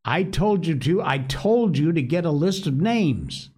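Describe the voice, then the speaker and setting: A man's voice: on the high side, big pitch swings, measured pace, darkish tone, breathy edge, voice pushed up, full character voice. A man voicing an earnest young boy leader who speaks firmly and in clipped phrases.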